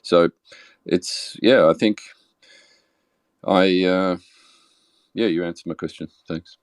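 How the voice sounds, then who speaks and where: Deep, flat man, hesitant. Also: slow, clear, resonant tone, dry recording. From Australia. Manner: hesitant, many fillers and restarts. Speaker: podcast host. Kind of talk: casual interview chat.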